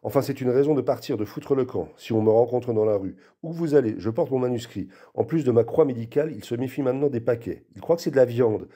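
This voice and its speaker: A man reads literary prose aloud with a deep, mellow, very dark tone. He is expressive, shifting his voice to act out the quoted lines. His pitch sits in the middle range for a man. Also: quick pace, few pauses, husky. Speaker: reader. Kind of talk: literary reading.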